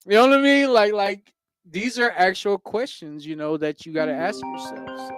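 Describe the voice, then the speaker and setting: A man's voice: high voice, expressive, moderate pace, music in the background. A man co-hosting a casual recovery talk, earnest and rambling, full of "you know" fillers. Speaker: co-host.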